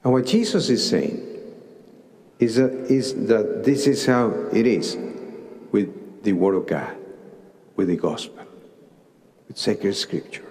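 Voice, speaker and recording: A man in his sixties with a Mexican Spanish accent, an archbishop preaching a homily slowly in short deliberate phrases at a cathedral pulpit microphone. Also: fairly low pitch, lively intonation, a little mellow. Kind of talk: sermon. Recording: long cathedral reverb.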